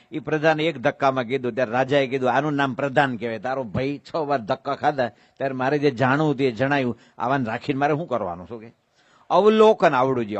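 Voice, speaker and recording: Giving a devotional sermon in a voice on the high side, a Gujarati-accented man tells stories, poses rhetorical questions and bursts into sung verses. The recording has dull audio and no room sound.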